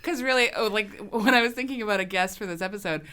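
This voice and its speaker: A woman's voice: medium pitch, fast, sharp tone, smooth. A woman hosting a pop culture podcast, chatting enthusiastically with casual fillers. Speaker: podcast co-host. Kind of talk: casual chat.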